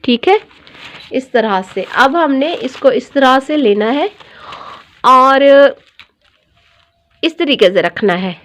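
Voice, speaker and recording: A woman's voice: sits high, lively intonation, slow, pauses often, a bit bright. A woman teaching a dressmaking tutorial, explaining each step patiently and repeating every measurement.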